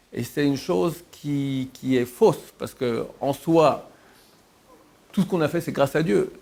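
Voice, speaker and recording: A man's voice: medium pitch, vocal fry. A man, a rabbi, giving an informal sermon, telling stories and acting out the quotes with many restarts. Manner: animated storyteller, acts out quotes, many restarts. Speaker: rabbi teaching a Torah class.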